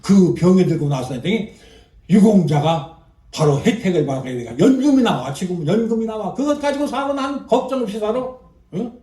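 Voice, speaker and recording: A woman's voice: mid-range voice, animated, a little fast, warm tone. An older woman pastor preaching an emphatic revival sermon, calling out hallelujahs and prompting the congregation. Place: church. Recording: roomy echo, voice picked up from a distance.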